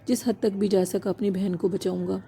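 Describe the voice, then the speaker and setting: A woman's voice: mid-range voice, flat delivery, vocal fry, dark tone, slight background noise, lightly acted. Woman reading a weeping village man. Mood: pleading. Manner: tearful, pleading. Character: weeping young village man pleading for his sister.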